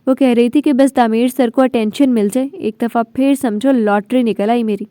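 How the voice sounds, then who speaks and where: An innocent, chatty young assistant, read by a woman narrator in a storybook reading. She confides in a hushed, gossipy way. The tone stays mellow and fairly high. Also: steady tone, normal speed, clear, resonant tone, dry recording, lightly acted.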